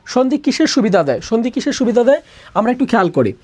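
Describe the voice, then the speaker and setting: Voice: medium pitch, sing-song, quick pace, darkish tone. Teacher, live online class, asks then answers, repetitive drilling. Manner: drills by asking a question, then answering it, many times over.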